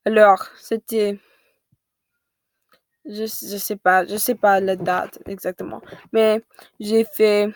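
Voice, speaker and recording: A seventeen-year-old American woman talks casually to her viewers. Her native English shows in her accent, and she moves at a slow pace, often pausing to search for a word or correct herself. Her voice sits at an ordinary pitch in a dry, echo-free recording. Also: flat delivery. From United States. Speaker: vlogger. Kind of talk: casual chat to viewers in a second language.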